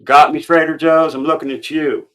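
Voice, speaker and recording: A man's voice: fairly high pitch, steady tone, moderate pace, a bit bright. A man commenting on a live stream, blunt and mocking, rambling with fillers as he talks.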